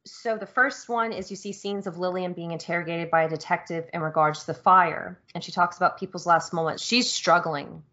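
A woman co-hosting a casual podcast, lively, describing game scenes and laughing easily. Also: fairly low pitch, fairly quick, hardly any pauses. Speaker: podcast co-host. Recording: dull lo-fi audio.

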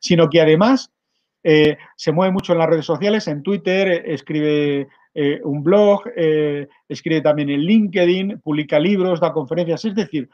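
A middle-aged man with a Spanish accent, giving an energetic online conference talk straight to his audience over a webcam. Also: a little high, normal speed, lo-fi sound. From Spain. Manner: energetic, direct, addresses audience as "mirad". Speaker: conference speaker.

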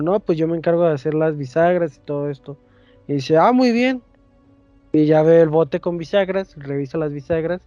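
Animated Mexican man, high light voice. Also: no room sound, dull audio. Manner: animated storyteller, slangy, acts out voices. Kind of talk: casual chat.

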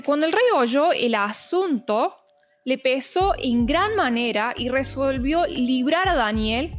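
High-voiced woman reading scripture slowly. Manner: reads slowly with small stumbles and restarts. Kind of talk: Bible teaching chat, reading scripture aloud.

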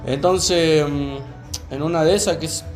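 Young male podcaster with a Rioplatense accent, relaxed storyteller, somewhat high voice. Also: faint music behind. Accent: Rioplatense Spanish. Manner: calm, unhurried, many fillers. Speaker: podcast co-host. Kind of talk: casual storytelling chat.

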